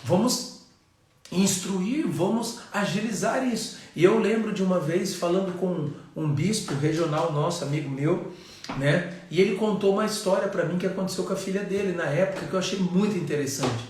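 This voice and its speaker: A man's voice: high voice, normal speed, a little mellow, slight background noise. A Brazilian Portuguese-accented man preaching a sermon as a pastor, earnest and repeating his phrases. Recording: very echoey room.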